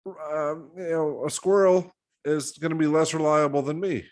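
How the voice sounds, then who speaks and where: A man's voice: a little high, fairly even intonation. Guy on a game podcast, stumbles and restarts, jokes at his own expense. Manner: halting, self-deprecating, restarts. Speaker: co-host. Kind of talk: casual podcast chat.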